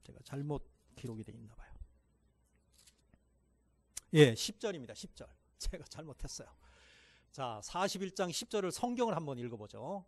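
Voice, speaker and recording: High-voiced preacher reading scripture. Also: male voice, big pitch swings. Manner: leads the congregation in reading scripture aloud; loud, slow emphatic scripture reading, dropping to quiet asides. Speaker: pastor. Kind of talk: sermon.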